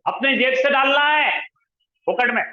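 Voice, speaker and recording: A man's voice: very high-pitched, normal speed, sharp tone. A male teacher, leading a classroom lesson and coaxing students to repeat words aloud. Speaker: Arabic grammar teacher. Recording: roomy, dull lo-fi sound.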